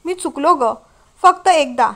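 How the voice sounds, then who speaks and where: A woman's voice: sits high, unhurried, fairly bright tone. A woman voicing a remorseful teenage son who pleads tearfully with his parents for forgiveness. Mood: pleading.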